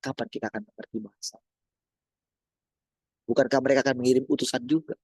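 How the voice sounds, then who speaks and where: Husky preacher guy giving a sermon, dry close sound, keeps throwing questions at the crowd. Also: medium pitch, steady tone, fast, dry recording. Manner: addresses listeners as brothers, rhetorical questions, swings between loud and soft.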